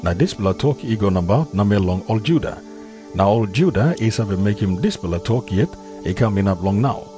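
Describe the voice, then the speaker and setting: A man with a lowish voice and a Papua New Guinean accent narrates scripture in Papua New Guinea pidgin. It is a scripted Bible reading, with music clearly playing behind him. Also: lively intonation, normal speed.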